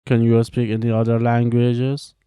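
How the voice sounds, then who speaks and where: In his twenties and a native Farsi speaker from Iran, this careful, mellow language teacher reads scripted practice answers. He keeps things slow and evenly paced, pausing between answers, his mid-range, smooth voice completely flat, with no room sound.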